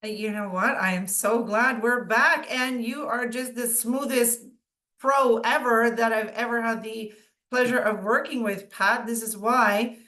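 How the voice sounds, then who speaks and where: A woman's voice: a little high, steady tone, a little slow, bright, forceful tone. A woman co-hosting a webinar, chatty and giggly, playing along with game-show banter. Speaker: webinar co-host. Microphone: video call.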